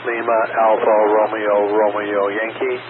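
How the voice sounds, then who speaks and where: A man giving halting, plain-spoken, unscripted reports as an amateur radio operator over a two-way radio. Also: on the low side, level tone. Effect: two-way radio transmission. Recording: very noisy narrowband radio, heavy static.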